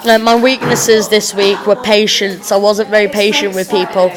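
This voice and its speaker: A young woman with a slightly chavvy working-class English accent, giving an informal, halting spoken self-review as a drama student. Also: medium pitch, level tone, a crowd in the background. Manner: hesitant, halting, thinking aloud. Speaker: drama student recording a reflective blog.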